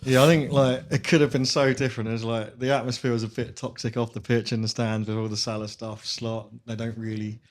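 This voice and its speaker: A man's voice: mid-range voice, flat delivery, a little fast, hardly any pauses. A man, a guest in a casual football chat, talking about the match animatedly and laughing often. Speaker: podcast guest.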